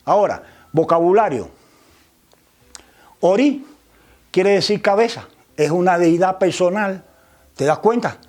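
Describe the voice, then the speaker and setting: A man's voice: sits high, animated, a little slow, pauses often, darkish tone, soft background music. A man teaches religious vocabulary as a lecture, often adding tag questions and repeating words while searching for the next. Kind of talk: explanatory lecture.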